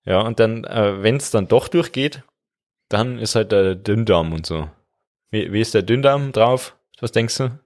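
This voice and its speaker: A man co-hosting a comedic podcast, relaxed and musing. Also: on the low side, measured pace. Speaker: podcast host. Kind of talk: casual comedic chat.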